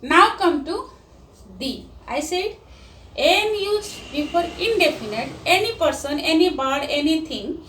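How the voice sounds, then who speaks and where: Slow, lively Indian woman teaching grammar. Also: extremely high pitch. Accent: Indian English. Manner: slow, spells words out letter by letter. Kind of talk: grammar lesson for children. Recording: roomy, distant mic, faint background hum.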